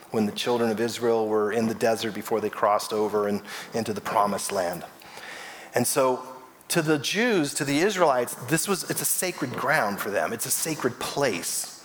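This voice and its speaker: A lead pastor with a mid-range voice, over a little hiss or hum, preaches a sermon conversationally and acts out the voices in the story. When telling his own story, he grows loud and emotional.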